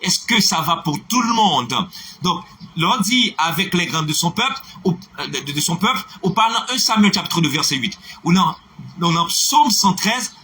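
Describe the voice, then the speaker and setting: A man's voice: high-pitched, expressive, normal speed, sharp tone. A man with a Haitian accent giving a live French pronunciation lesson, spelling words out letter by letter and greeting viewers by name. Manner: spells words letter by letter, checks understanding, switches into Creole. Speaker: French teacher on a live online class. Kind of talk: live-streamed language lesson.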